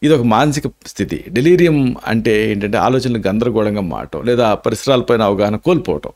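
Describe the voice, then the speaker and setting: A man's voice: fairly low pitch, animated, a little fast, darkish tone. A man, an Ayurvedic doctor giving health tips and explaining symptoms and home remedies. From India.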